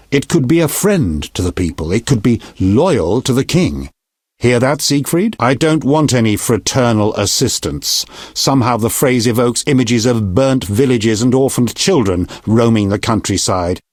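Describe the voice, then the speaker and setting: A man's voice: medium pitch, lively intonation, moderate pace, a little mellow, dry recording, studio quality, close to an everyday voice. An actor playing a blunt, foul-mouthed, commanding middle-aged king in a fantasy video game, speaking with regal authority. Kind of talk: video game character dialogue.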